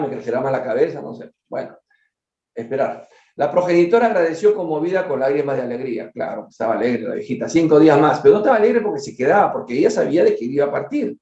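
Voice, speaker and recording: A man's voice: medium pitch, warm tone. Man reading aloud with chatty asides. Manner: conversational, with frequent asides to listeners. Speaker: study group leader. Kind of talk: reading a book aloud with commentary. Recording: echoey dull lo-fi room.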